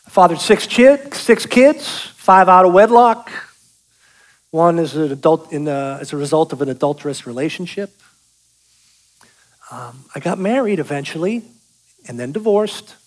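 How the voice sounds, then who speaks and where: A man from South Boston with a slightly high voice gives a folksy, joking testimony sermon as a guest speaker, calling out to the congregation. He talks at normal speed with frequent pauses, and the recording is low quality.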